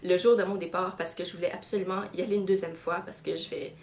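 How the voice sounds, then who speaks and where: A woman's voice: lowish voice, fairly even intonation, quick pace, darkish tone, a little hiss or hum. A young woman with a Québécois French accent chatting casually about her new books, with frequent fillers and self-corrections. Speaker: book vlogger. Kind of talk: casual book haul chat. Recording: roomy echo in a room.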